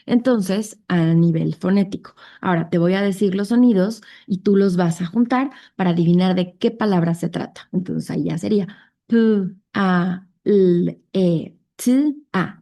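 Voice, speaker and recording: A woman lecturing at a conference, her voice low-set and mellow. She speaks Spanish with a Mexican accent and explains step by step, leaning on fillers and tag questions. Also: vocal fry. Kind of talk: conference talk.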